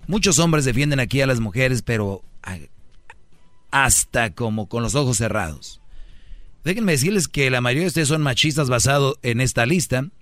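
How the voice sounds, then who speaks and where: A Mexican man hosts a sarcastic commentary, mocking and acting out quotes in put-on voices. His voice sits at a middling pitch. The sound is dry and close, with no room around it. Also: expressive, moderate pace, a bit bright, no room sound, soft background music. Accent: Mexican Spanish. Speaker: host.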